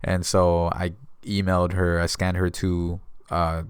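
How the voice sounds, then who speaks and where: Here's a low, monotone male voice with a clean tone, unhurried and recorded at studio quality without echo. The speaker, an American notary from San Diego, California, chats with viewers and walks through advice by recounting exchanges, casual vlog-style.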